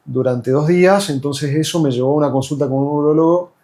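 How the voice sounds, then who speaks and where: A man with an Argentine accent recounts his experience as a patient in relaxed, unscripted speech. He hesitates often and restarts his sentences. His voice sits a little on the high side for a man. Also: a little fast. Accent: Argentine Spanish. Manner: hesitant, many fillers and restarts. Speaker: patient giving a testimonial. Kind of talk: casual spoken testimony.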